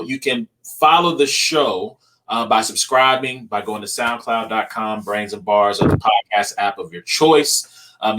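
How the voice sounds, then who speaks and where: Young guy hosting a podcast, bright forceful voice, rambly, lots of ums. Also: on the low side. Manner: loose and rambling, many ums. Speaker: podcast host. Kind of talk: casual podcast chat.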